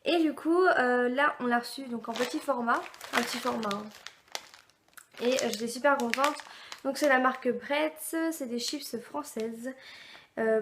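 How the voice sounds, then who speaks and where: Young woman vlogger, high bright voice, rambling unboxing chat, faint hiss. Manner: chatty, rambling, many fillers and restarts. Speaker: beauty and food box vlogger. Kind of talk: casual unboxing chat to camera.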